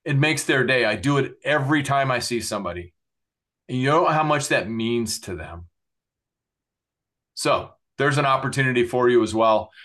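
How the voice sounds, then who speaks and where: A man's voice: mid-range voice, a bit bright. A middle-aged man hosting a podcast, earnestly thanking his guest and listeners and plugging websites, with many fillers. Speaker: podcast host.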